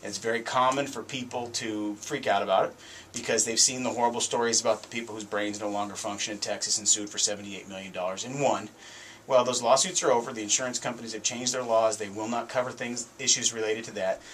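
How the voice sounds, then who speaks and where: A middle-aged American man hosts a radio show from a small, foam-treated indoor studio, speaking into a boom-arm studio mic. He tells stories in casual, conversational radio talk with emphasis, his fairly low voice quick, fairly even in intonation and a bit bright. The audio is poor, with a little hiss or hum.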